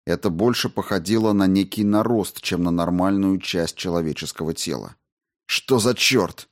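A man narrating an audiobook in a measured, even storytelling manner. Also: deep voice. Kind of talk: scripted narration.

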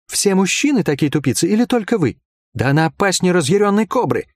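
A man voicing a sharp-tongued, scornful young woman in an audiobook, talking in a scolding, mocking way. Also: a little high, expressive, fairly quick, no echo, clean studio sound, voice pushed up, lightly acted. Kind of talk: audiobook character voice.

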